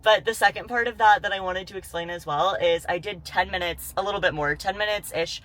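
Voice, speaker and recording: A woman's voice: mid-range voice, fairly quick, fairly bright tone, poor audio. A young woman in her twenties, a fitness coach, talking casually to camera in a vlog, candid and full of fillers like "like". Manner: chatty, candid, lots of fillers. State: out of breath after cardio. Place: gym, then outdoors by a road.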